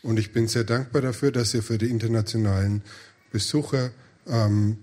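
A man's voice: medium pitch, steady tone, normal speed, a little mellow. A man interpreting a sermon phrase by phrase, with hesitations and self-corrections.

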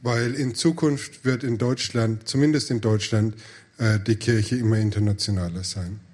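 A man's voice: fairly low pitch, fairly even intonation, normal speed, a little mellow. A man interpreting a sermon phrase by phrase, with hesitations and self-corrections.

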